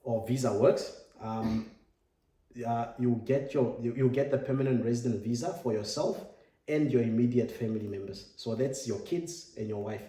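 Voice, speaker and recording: A man explains a process casually, step by step, as a vlog co-host. His tone is relaxed and dark. He is recorded in a reverberant room at some distance from the mic. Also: mid-range voice, normal speed. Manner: affirms often with short yeps.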